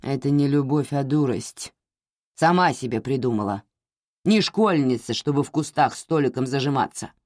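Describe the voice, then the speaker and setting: A woman's voice: extremely low pitch, expressive, normal speed, darkish tone, no room sound. A woman voicing a stern, blunt older mother who scolds her grown daughter in a dry, curt way. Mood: scolding.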